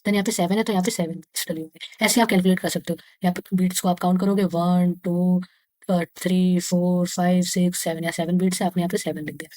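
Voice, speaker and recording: Brisk Indian woman teaching maths. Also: lowish voice, level tone, warm tone, no room sound. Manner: slow, deliberate reading of English textbook lines; explains each line again in Hindi. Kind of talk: casual lesson for young pupils.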